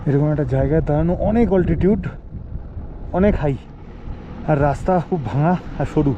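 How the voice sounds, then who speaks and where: Loud motorcycle noise surrounds a thin, phone-like recording of a man narrating his ride. His voice is hoarse and sits a little high. He speaks, in the manner of a travel vlogger out on the road. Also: fairly quick. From West Bengal, India. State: hoarse from cold. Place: outdoors, riding on a mountain road. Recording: tinny band-limited sound, loud motorcycle noise. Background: motorcycle engine and vehicle noise.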